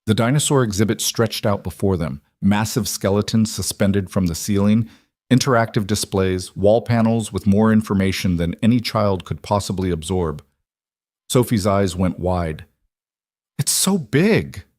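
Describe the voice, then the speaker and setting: A man narrating a scripted story in an even, steady reading voice on a close microphone. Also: on the low side, moderate pace, no echo.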